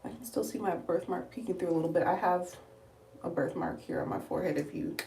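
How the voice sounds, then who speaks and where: Sounding out of breath, this young woman talks viewers through a makeup tutorial on her beauty livestream, addressing them as "y'all." She speaks fast in a fairly low, warm voice, picked up slightly distant in an echoey room over slight background noise.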